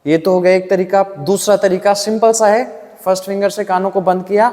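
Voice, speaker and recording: A man teaching a yoga breathing lesson, guiding calmly and patiently step by step and demonstrating the breaths and hums aloud. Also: sits high, brisk, long reverb tail. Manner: calm, patient step-by-step guidance. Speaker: yoga instructor.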